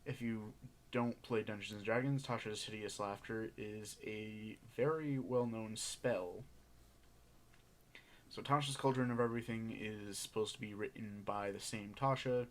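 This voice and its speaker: A young man co-hosting a casual podcast, rambling with many pauses and laughs as he tells stories. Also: fairly low pitch, fairly even intonation. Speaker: podcast co-host.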